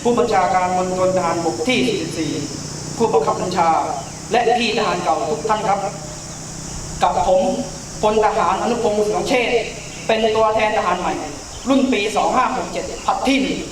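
A man's voice: high voice, normal speed. A young man, a new army recruit, barking out a formal address and oath. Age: young adult. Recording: echoey distant mic, noisy crowd.

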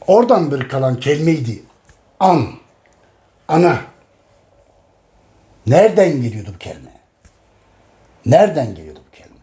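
A middle-aged man with a warm, mellow voice and a slightly high pitch. He talks casually and emphatically to his audience, repeating each phrase as he goes. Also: very animated, moderate pace, pauses often. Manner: addresses his audience directly. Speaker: host. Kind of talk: casual talk.

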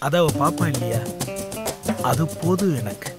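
An actor playing a lovesick young man who talks in excitable, whiny comic bursts. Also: measured pace. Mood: sulky. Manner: high, excitable comic whining. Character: lovesick young man planning a jolly suicide. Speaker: comic lead. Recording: film soundtrack with music.

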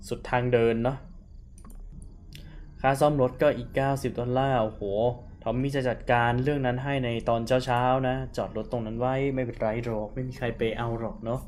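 A man's voice: mid-range voice, steady tone, moderate pace, darkish tone, a little hiss or hum. A man casually chatting as he plays a horror game on stream, paraphrasing the characters' dialogue aloud with lots of fillers. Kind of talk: casual live-stream chat.

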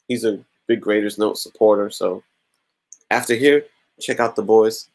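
His voice is on the low side, darkish in tone, with fairly even intonation and a moderate pace. He is a man in his thirties hosting a YouTube comic-collecting stream from a small room at home, chatting casually and counting raffle entries aloud into a webcam mic.

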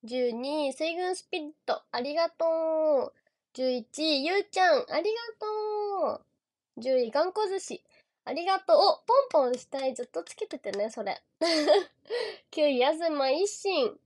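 A woman's voice: high voice, animated, unhurried. A young woman with a Kansai accent hosting a casual livestream, chatting in a bubbly, giggly way and thanking viewers by name. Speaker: idol livestream host. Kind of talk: casual livestream chat reading viewer gifts.

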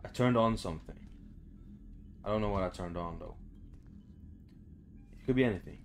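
Recording indoors in a home room, a young YouTuber reacts to a horror game in casual, profanity-laced commentary, muttering to himself. He has a deep voice with vocal fry, a moderate pace, and slight background noise.

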